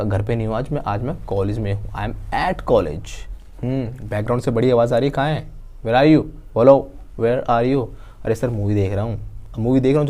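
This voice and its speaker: A man teaching English prepositions, acting out short everyday dialogues and spelling out English phrases slowly. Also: medium pitch, dark tone. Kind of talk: spoken English lesson.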